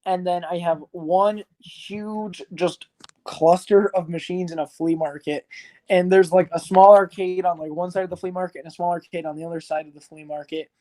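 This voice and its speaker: A man's voice: sits high, steady tone, normal speed, dark tone. Young man, rambling casual guest. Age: early 20s. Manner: rambling, filler-heavy, frank. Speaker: guest, arcade business owner. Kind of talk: casual interview chat.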